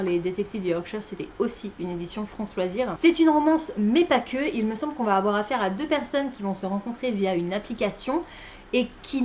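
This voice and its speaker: A woman's voice: mid-range voice, darkish tone, highs cut off, slight background noise. A tired woman chatting casually about her reading list as a book vlogger, with many fillers and self-corrections. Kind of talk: casual chat.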